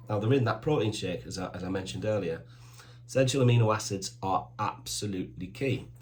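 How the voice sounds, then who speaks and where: This fifty-something supplement shop owner fires off brief, emphatic commands about supplements and bodybuilding straight to camera, sounding enthusiastic and plain-spoken. His voice is fairly low and dark, and the audio carries a little hiss or hum.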